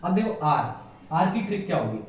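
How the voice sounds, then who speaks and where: A man's voice: on the high side, sing-song, brisk, slight background noise. A man teaching an exam-prep reasoning lesson in a casual, chatty way, often checking whether his listeners follow along. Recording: very echoey room, voice far from mic.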